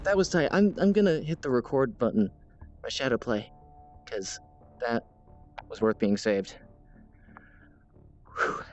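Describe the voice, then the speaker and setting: Man, casual let's-play commentary, rambling, self-mocking, ordinary mid pitch, faint music underneath. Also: very animated, slow, pauses often, a little mellow, lo-fi sound. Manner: rambling and self-mocking, reacting aloud to gameplay and chat; bursts into high panicked yelps when under fire. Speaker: gaming video host.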